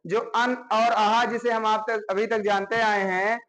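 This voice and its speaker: A man's voice: high voice, level tone, a little slow, fairly bright tone, low-quality recording. A man teaching a grammar lesson to a class. He explains step by step and keeps checking in with his students.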